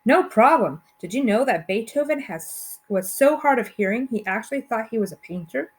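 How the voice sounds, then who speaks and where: A woman's voice: a little high, expressive, normal speed, natural voice. Wisecracking boy telling jokes at a diner counter, a woman reading him, peppy, lands the punchlines. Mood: joking. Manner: upbeat, punchline delivery. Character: joke-loving boy narrator, quick with one-liners.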